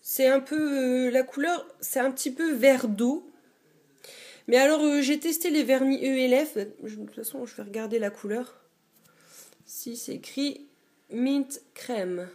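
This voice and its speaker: A woman's voice: sits high, moderate pace, a little mellow. A young woman chatting casually about her own collection in a dim bedroom, hesitant and full of fillers. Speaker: beauty vlogger. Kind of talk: casual show-and-tell.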